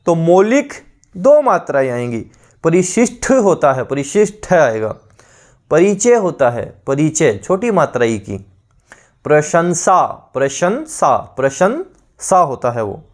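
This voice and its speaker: A man teaching an online exam-prep grammar lesson, repeating each word slowly so students can learn its spelling. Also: on the high side, big pitch swings, darkish tone.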